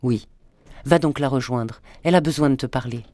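A man's voice: mid-range voice, normal speed, dry recording, studio quality, natural voice. A narrator voicing a tired middle-aged stepfather who speaks weakly, in a storybook reading. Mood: weary. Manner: weary and quiet.

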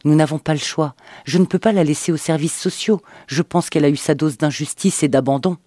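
A man reading the part of a calm husband pleading with his wife in an audiobook, in a measured tone. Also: on the high side, no echo, studio quality, lightly acted.

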